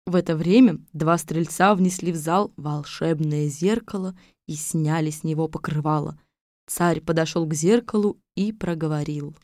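Woman narrator, fairy-tale storytelling, low voice, dry studio mic. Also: normal speed, a little mellow, no echo.

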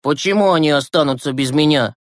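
A man reading an audiobook who voices a weary, grieving teenage boy, low and slow. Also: dry recording, clean studio sound, close to an everyday voice. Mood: strained. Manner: low, slow, exhausted, withdrawn.

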